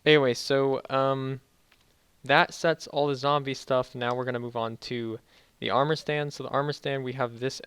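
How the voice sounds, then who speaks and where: A young man giving a casual, halting game tutorial, speaking slightly muffled and carefully, as if sore after dental work. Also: medium pitch, steady tone, a bit bright, smooth, dry recording. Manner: halting, self-correcting explanations. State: sore mouth after wisdom teeth removal, slightly muffled careful speech. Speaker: tutorial video host.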